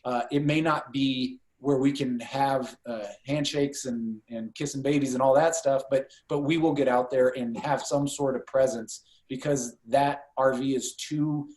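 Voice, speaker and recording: A man's voice: medium pitch, steady tone, measured pace, hardly any pauses, darkish tone, roomy sound, rough recording. A man running for Congress from Iowa, answering voter questions on a video call, talking with many fillers and restarts. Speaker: congressional candidate.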